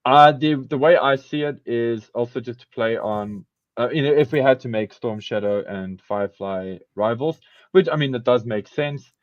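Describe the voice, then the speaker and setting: Chatting loosely on his podcast, a South African host rambles, keeps doubling back to correct himself, and laughs a lot, speaking at normal speed and ordinary pitch. The audio is a bit muffled and very dry, without room sound.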